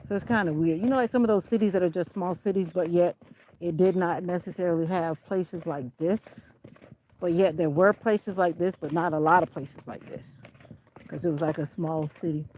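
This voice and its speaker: A woman's voice: lowish voice, normal speed, a little mellow, slight background noise, rough recording. A woman chatting casually while walking a country road, out of breath, filmed on a handheld camera. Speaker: vlogger.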